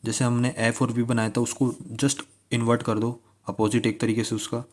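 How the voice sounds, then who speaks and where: A man's voice: mid-range voice, little pitch movement, moderate pace. A man teaching shorthand strokes, repeating key words and asking listeners to pronounce along. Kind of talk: classroom-style tutorial.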